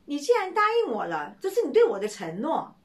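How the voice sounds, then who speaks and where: A woman acting out an anxious young man from a church story, voiced high and swooping. He pleads and repeats himself insistently. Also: huge pitch swings, a little fast, mellow. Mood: pleading.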